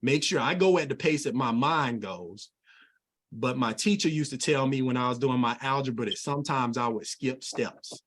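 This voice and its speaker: A middle-aged man leading an energetic sales training over a video call, animated and folksy, with plenty of casual asides. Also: mid-range voice.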